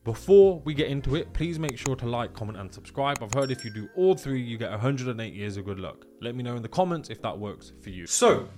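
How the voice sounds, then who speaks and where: A man hosting a podcast, speaking in a conversational interview style with some prepared introductory delivery. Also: medium pitch. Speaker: podcast host.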